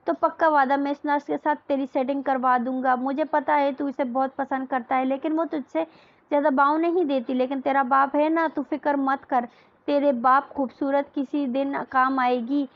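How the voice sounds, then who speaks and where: A woman's voice: high-pitched, steady tone, muffled recording. A woman voicing a doting, teasing young husband and father in a storybook reading, playful and coaxing with an edge of sternness.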